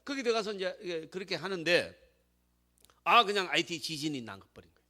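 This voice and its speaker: A man pastor preaching a sermon, telling a story emphatically and calling out to the congregation, moving from hushed to loud. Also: sits high, big pitch swings, brisk. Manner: swings between hushed storytelling and loud exhortation.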